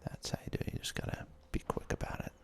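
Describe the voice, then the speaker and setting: Whispering as he plays, a man hosting a gaming video gives ASMR commentary that is halting and hesitant, sprinkled with casual asides.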